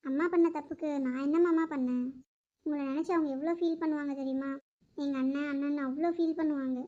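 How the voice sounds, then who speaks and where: A woman's voice: sits high, fairly even intonation, fast talker, mellow, lo-fi sound, lightly acted. A woman voicing a pleading young niece. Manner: pleading, tearful. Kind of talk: animated drama voice acting.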